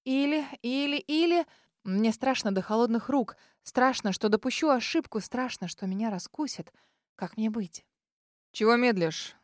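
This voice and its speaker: Dry, expressive woman narrator. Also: fairly high pitch, normal speed, no room sound. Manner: expressive, tense dramatic reading. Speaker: audiobook narrator. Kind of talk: scripted first-person fantasy narration.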